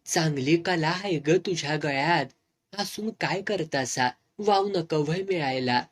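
Narrator doing a soft-spoken old village uncle. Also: mid-range voice, a little slow, natural voice. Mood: wistful. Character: older village uncle, gentle and resigned.

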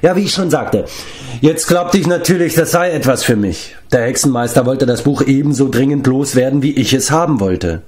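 A whiny male giant moans through his woes in a storybook reading, as a man puts him on. The voice sits high and lifts and falls across a wide range. He complains plaintively, begging for pity. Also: lively intonation, moderate pace, a little mellow, natural voice. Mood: self-pitying. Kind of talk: audiobook character reading.

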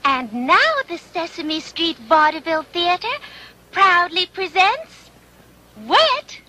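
A woman's voice: very high-pitched, lively intonation, slow pace, pushed and bright, heavily acted. A woman voicing a showy young vaudeville theater announcer in a cartoon, announcing grandly.

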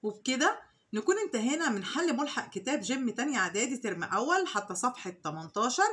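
A woman with an Egyptian Arabic accent, an English teacher, walking through exercise answers. She reads each English sentence slowly, then explains it in Arabic with questions to the students. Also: fairly high pitch, big pitch swings, fairly bright tone. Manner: asks rhetorical questions to the students. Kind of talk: exam answer walkthrough lesson.

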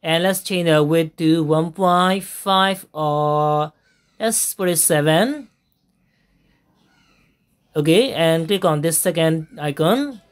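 Slow, step-by-step software instructions are given by a woman whose voice sits on the low side. It is a screen-recorded tutorial voice-over, and her speech is dotted with frequent fillers like "uh" and with pauses.

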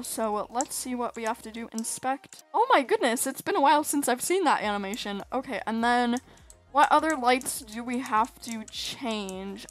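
Brief: high-pitched woman for casual gaming commentary, talkative and quick to exclaim in frustration. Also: fairly bright tone. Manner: chatty, often exasperated, exclaims a lot. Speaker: gaming YouTuber.

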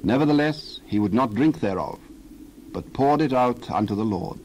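A male narrator with a medium-pitched voice reads scripture in a measured, formal style. There is faint noise in the recording. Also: animated, a little mellow, rough recording.

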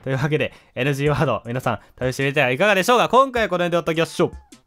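A man's voice: a little high, rapid-fire, fairly bright tone, faint music behind. A man, a gaming YouTuber, commenting casually and with amusement as he plays, recorded on a studio microphone at home. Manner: amused, chatty, reacting to the game. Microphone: studio condenser mic.

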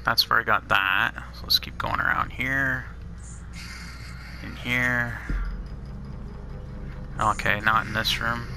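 A man's voice: medium pitch, steady tone, takes it slowly, pauses often, background noise. A man giving easygoing, casual commentary while playing a shooter, reacting to each find as he goes. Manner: easygoing, muttering reactions to finds. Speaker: gamer playing a custom map. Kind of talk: casual let's-play commentary.

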